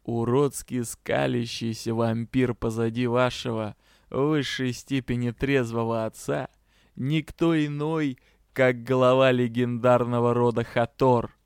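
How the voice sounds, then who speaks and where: A man's voice: medium pitch, level tone, unhurried, creaky, clear, resonant tone, no echo, clean studio sound. A man voicing a snide, mocking male vampire lord. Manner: snide, drawling.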